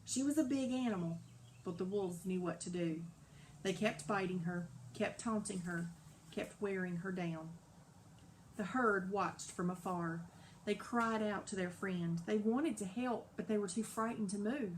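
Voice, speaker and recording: A woman narrating a children's novel aloud in a lively, dramatic storybook style. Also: mid-range voice, unhurried, a little hiss or hum. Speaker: audiobook narrator.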